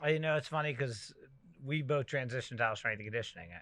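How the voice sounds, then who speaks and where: A middle-aged man hosting a podcast, chatting casually and telling stories with loud bursts when he gets excited. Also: medium pitch, fast talker, no echo. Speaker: podcast host. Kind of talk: casual chat.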